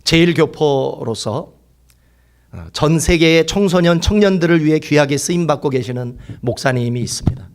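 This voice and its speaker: A man preaches a fervent sermon, his fairly high voice moving at a moderate pace as he swings from loud exclamations to hushed whispers. He has the congregation repeat lines back to him.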